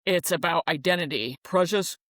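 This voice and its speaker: A podcast co-host in casual chat, reading out facts in a relaxed, rambling way with fillers and restarts. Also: mid-range voice, normal speed, no room sound, studio quality.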